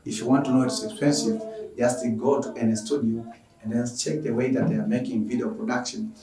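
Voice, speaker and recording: A man's voice: medium pitch, fairly even intonation, brisk, mellow. A man from Tanzania, a math teacher, earnestly closing an online lesson and asking viewers for donations. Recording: echoey room, noisy from far off.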